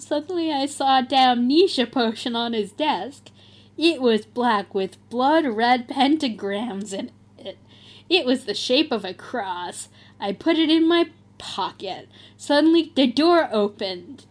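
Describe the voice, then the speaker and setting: A woman reading a fan story aloud for comedy, with theatrical emphasis and frequent laughter. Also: high-pitched. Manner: reads aloud theatrically, often breaking into laughter.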